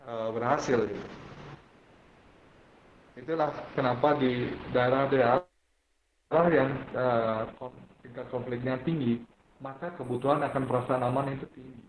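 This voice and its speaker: A man's voice: medium pitch, steady tone, a little slow, pauses often. A man giving an online lecture to teachers over a video call whose audio keeps breaking up, talking hesitantly with many fillers and restarts. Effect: choppy video-call audio breaking up. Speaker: course instructor. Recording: muffled echoey online call, faint noise.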